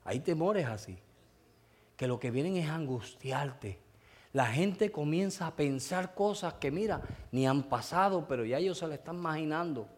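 A man's voice: a little high, lively intonation, normal speed. A man preaching a sermon, telling a personal story and calling out to the congregation for an amen. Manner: emotional storytelling, calls out to the congregation.

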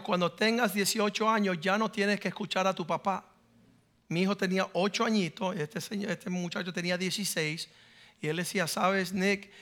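A man in his thirties, a pastor preaching a sermon, who moves between slow, emphatic rising peaks and quieter, conversational storytelling. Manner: tells personal stories in a lower conversational tone.

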